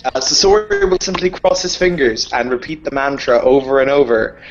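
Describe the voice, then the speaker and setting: A man's voice: mid-range voice, wildly swooping pitch, fairly quick, vocal fry, reverberant, lo-fi sound. A man playing a tabletop role-playing game, playful and a bit hesitant when he speaks. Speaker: player. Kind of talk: casual tabletop role-play chat.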